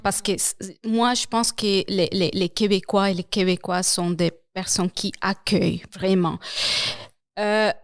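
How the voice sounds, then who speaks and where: A woman speaks French as a second language in a relaxed interview, unhurried and stopping now and then to find a word. Her voice is smooth and clear, recorded close in a dry, quiet room. She keeps a middle pitch throughout. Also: dry recording. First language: not French. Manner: slow, searching for words, many pauses. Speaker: guest, French-language program coordinator. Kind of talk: casual interview conversation.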